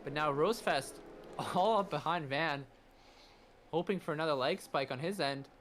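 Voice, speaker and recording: A man's voice: on the high side, moderate pace, a bit bright, slight background noise. A man doing live motorsport race commentary, narrating the action play by play.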